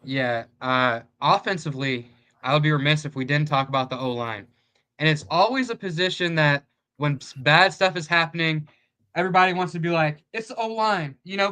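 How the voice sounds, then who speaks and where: Bright, high-voiced man in sports chat. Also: clean tone. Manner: animated, says "like" a lot. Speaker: podcast co-host.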